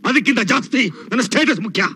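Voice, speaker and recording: An actor playing an arrogant, power-hungry husband who shouts threats at his wife, in film melodrama dialogue. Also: very high-pitched, expressive, fast talker, breathy edge, heavily acted. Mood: menacing. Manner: domineering, shouting threats, villainous.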